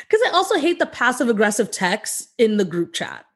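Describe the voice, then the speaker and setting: A woman's voice: fairly high pitch, breathy edge. A young woman co-hosting a podcast, talking bluntly and swearing freely in casual chat. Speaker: podcast co-host.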